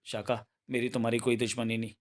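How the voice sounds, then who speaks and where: A man's voice: medium pitch, little pitch movement, fast talker, close to an everyday voice. A man voicing a cowardly male bandit chief in a comic book read-aloud, speaking in a panicky, pleading way.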